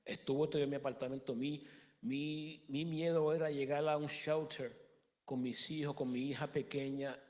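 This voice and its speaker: A man in his thirties giving a halting personal testimony in a church interview, often restarting and slipping in English words. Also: on the high side, steady tone, darkish tone, in a large hall.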